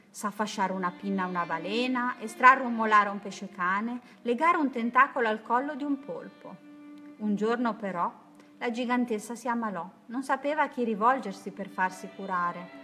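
A woman reading a children's bedtime story aloud in a gentle, lilting way. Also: on the high side. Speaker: narrator. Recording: music playing behind.

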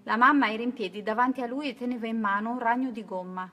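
A woman narrating a children's picture book, reading aloud in an expressive, even-paced way. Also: a little high, fast talker. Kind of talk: children's story read-aloud.

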